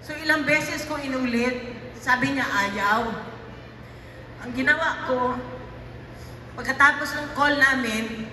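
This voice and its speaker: A middle-aged woman giving a tearful personal speech to a gathering, halting often and restarting her sentences. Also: sits high, sharp tone, far from the mic, slight background noise. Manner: halting, with many restarts and fillers. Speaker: speaker addressing a gathering. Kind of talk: emotional personal storytelling speech. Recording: echoey hall, voice picked up from afar.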